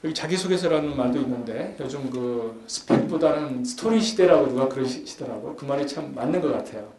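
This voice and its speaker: A man's voice: mid-range voice, expressive, brisk, darkish tone. A man giving a conversational lecture at a forum, acting out everyday scenes and pressing his points with growing emphasis. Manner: chatty, acts out everyday scenes with rising emphasis. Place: lecture hall at a youth forum. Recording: echoey hall with faint background hum.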